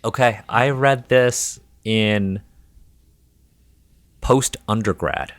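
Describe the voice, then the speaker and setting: Drawing out his words in a low voice, a Canadian-accented podcast host from Toronto chats casually with no room sound. His tone is candid, informal and reflective.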